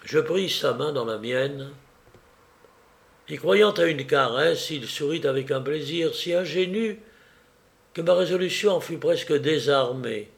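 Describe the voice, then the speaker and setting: A man narrating a literary audiobook in a measured, deliberate way. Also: fairly high pitch, expressive, vocal fry.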